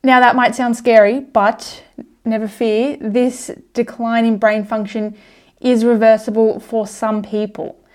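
A young adult woman hosts a podcast, casually explaining health topics in a chatty educational monologue full of asides. Her voice is fairly high with little pitch movement, and she talks a bit slowly.

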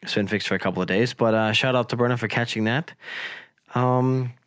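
A man's voice: medium pitch, a little fast, fairly bright tone, smooth, no room sound. Young guy with a cold, rambly and sweary, hosting a podcast, dry close sound. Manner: rambling, joking, swears often. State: has a cold, voice lower and rough. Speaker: podcast host. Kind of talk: casual chat.

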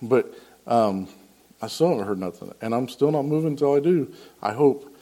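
A man's voice: mid-range voice, expressive, moderate pace, dark tone. A man giving a casual personal testimony on scripture, rambling and earnest, with many ums and restarts. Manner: acts out quoted dialogue in a raised voice. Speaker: lay speaker sharing a devotional.

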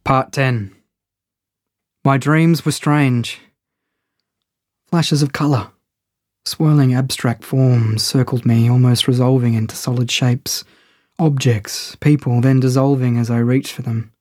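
A man's voice: mid-range voice, steady tone, slow pace, long pauses, darkish tone, dry recording, studio quality. Wry male storyteller narrating in first person.

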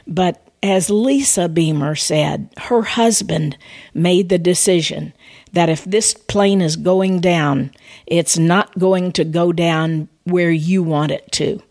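A woman's voice: lowish voice, slow, darkish tone, no room sound. Earnest woman preaching, dry close sound. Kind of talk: evangelistic testimony and appeal.

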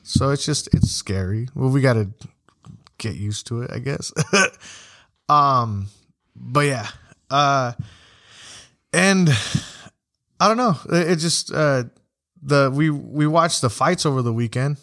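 A man hosting a podcast in casual chat, talking haltingly with many restarts. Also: mid-range voice, lively intonation, a bit bright. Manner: halting, full of restarts and fillers. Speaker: podcast host.

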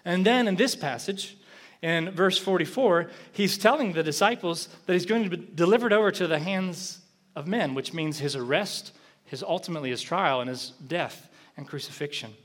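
Male pastor, sermon delivery, fairly high voice, animated with soft drops. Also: moderate pace. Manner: animated, rising for emphasis then dropping soft.

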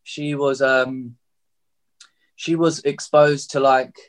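Speaking slowly, a thirty-year-old Margate man with a southeast English accent reflects openly on his life story as an interview guest. His voice is medium-pitched and his intonation fairly even.

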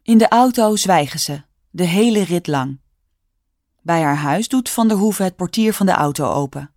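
A woman with a Dutch accent reading a children's story aloud in a calm, clear storytelling manner. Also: on the low side, moderate pace, dry recording. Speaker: narrator. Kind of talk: scripted storybook narration.

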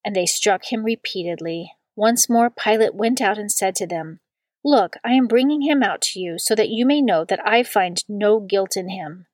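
A woman reading a long scripture passage aloud in a measured liturgical style, slowing down on the quoted words. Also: medium pitch, darkish tone, no echo. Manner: slow and deliberate on quoted words. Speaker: scripture reader.

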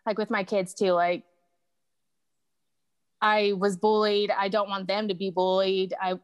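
A woman speaking candidly as a guest in casual conversation, halting at times and often saying "like". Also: medium pitch, little pitch movement, smooth, dry recording. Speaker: guest sharing personal experiences.

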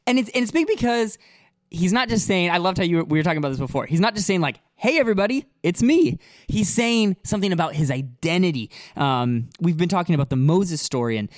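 A man's voice: fairly high pitch, quick pace, no echo. A man co-hosting a casual Bible discussion, explaining passages earnestly and often repeating words as he thinks. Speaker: Bible study podcast co-host.

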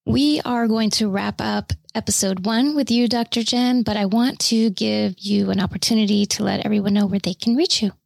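A woman's voice: medium pitch, steady tone, moderate pace, vocal fry, hardly any pauses, darkish tone, no room sound. A woman podcast host chatting casually and informally, with appreciative responses. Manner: informal, appreciative, short reactions. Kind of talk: casual interview chat.

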